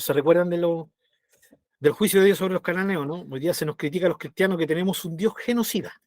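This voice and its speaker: In a studio-quality recording with no room sound, a high-voiced man with a Chilean accent teaches a Bible study. His approach is conversational and animated, regularly checking in with listeners and performing little voices.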